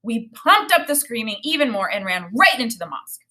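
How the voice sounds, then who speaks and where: Reading a children's story with dramatic expression, a female teacher pauses now and then to add remarks for learners. Her voice is slightly high, and there's a faint hiss or hum.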